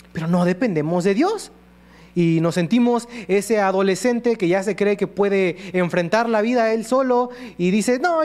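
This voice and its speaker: High-voiced preacher with a faint hum. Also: male voice, a little mellow. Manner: earnest, acts out prayers and quotes in voices. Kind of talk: sermon.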